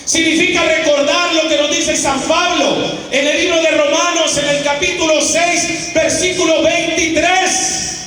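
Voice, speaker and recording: Shouting in a very high, steady voice, an Arizona preacher draws out emphatic words and prompts his congregation to echo him in a fiery call-and-response sermon. He's in a large, echoey school hall, captured from a distance, with soft music and faint crowd and room noise behind.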